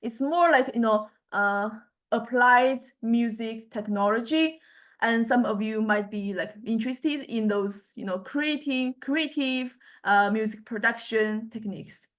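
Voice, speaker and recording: A woman with a voice on the high side gives an informal lecture. She speaks hesitantly and haltingly, often repeating and restarting her words.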